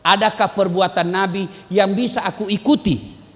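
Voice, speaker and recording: Man voicing gentle elderly man, soft low speech, bright tone, echoing hall. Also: steady tone, moderate pace. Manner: soft and humble. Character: elderly gentle male companion, humble and kind. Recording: reverberant mosque hall over loudspeakers.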